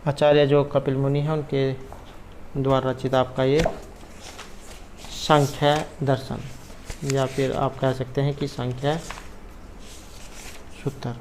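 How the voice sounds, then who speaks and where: A man's voice: medium pitch, little pitch movement, slow pace, pauses often, a little mellow, slight background noise. A man tutoring for a Sanskrit exam, explaining each question and its answer option in a methodical way.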